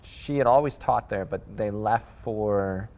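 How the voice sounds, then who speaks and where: A man in his thirties from the American Midwest, a sneaker designer telling his story in a casual interview, rambling and animated, with lots of fillers and restarts. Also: fairly low pitch, a little slow. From Midwest United States.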